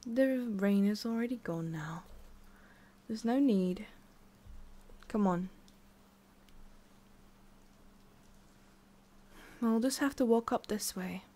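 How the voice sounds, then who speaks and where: A woman voices a haughty, prickly witch with a hidden soft side in an ASMR roleplay, sounding condescending and prying. Her mid-range voice is soft-spoken and halting, lightly acted, and slips into whispery breaths.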